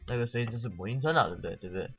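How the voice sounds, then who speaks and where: A man's voice: medium pitch, animated, very fast, husky, dull audio, faint music behind. A man giving casual let's-play commentary, sarcastic and swearing often while mockingly reading the game's text aloud.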